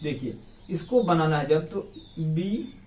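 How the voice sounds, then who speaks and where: A man teaching English grammar in a classroom-style lesson. He breaks words into syllables slowly, repeats them, quizzes his listeners and calls them his brothers. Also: on the high side, lively intonation, a little mellow, recorded from a distance. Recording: echoey room, voice off the mic.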